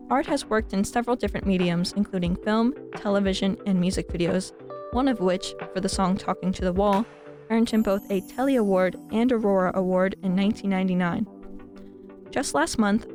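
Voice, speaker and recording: A woman hosts a film podcast, reading her introductions and asking questions with bright enthusiasm. Her voice sits at an average pitch, and soft music plays faintly behind her. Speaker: podcast host. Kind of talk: interview podcast.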